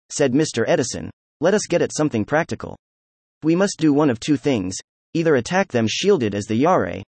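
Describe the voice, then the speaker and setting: A man reading a classic science fiction story aloud as scripted narration, with an even, unhurried delivery and the dialogue read with little change of voice. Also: medium pitch, no room sound. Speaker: audiobook narrator.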